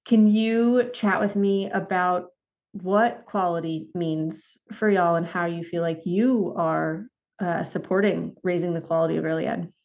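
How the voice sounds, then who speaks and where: A woman's voice: on the low side, fairly even intonation, measured pace, gravelly, a little mellow. A woman in her thirties hosting a podcast, upbeat and chatty in casual interview talk. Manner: upbeat, chatty, says y'all and rad. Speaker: podcast host.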